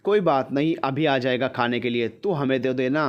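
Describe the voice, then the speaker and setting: A man voicing a soothing older grandmother who calms her family. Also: medium pitch, normal speed, clean tone, lo-fi sound, lightly acted.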